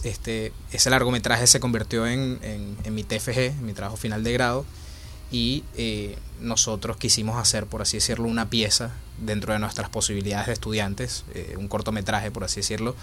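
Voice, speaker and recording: Venezuelan man, young, low voice, monotone, thoughtful, filler-heavy. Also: a little hiss or hum. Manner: thoughtful, many fillers and restarts. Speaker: filmmaker and actor. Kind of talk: interview answers.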